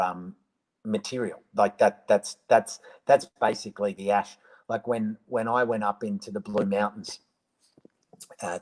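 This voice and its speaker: A man talks in a fairly low voice, speaking casually into a live-stream microphone. He rambles and restarts often, with plenty of ums as he answers viewers one by one. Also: a little mellow, low-quality recording. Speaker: gardening presenter answering viewer questions.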